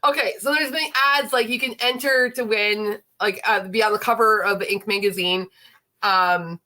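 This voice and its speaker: The host, a woman in her late thirties, rambles through a casual livestream chat full of fillers, sounding stuffy and congested from an illness that lingers. Her mid-range voice keeps fairly even intonation at normal speed, with a pushed, bright sound.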